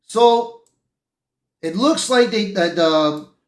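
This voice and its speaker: This livestream host reads articles out loud with laid-back, opinionated commentary and occasional verbal stumbles. His voice sits high and expressive but goes extremely slowly, with a reverberant echo. Expect plenty of "bro," "man," and "dude" in his informal, opinionated delivery.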